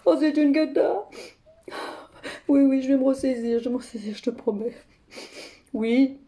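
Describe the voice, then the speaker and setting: A woman's voice: sits high, a little slow, gravelly, dark tone. A woman doing an exasperated grandmother on the phone. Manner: dramatic, tags nearly every phrase with "hein". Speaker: comic monologue performer. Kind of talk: one-sided phone call sketch.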